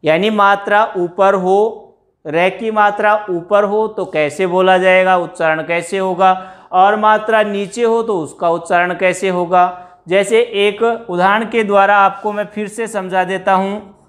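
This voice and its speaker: A man's voice: high-pitched, steady tone, a bit bright. A man teaching a grammar lesson, explaining step by step and asking his students questions before answering them himself. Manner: drawn-out words when stressing examples.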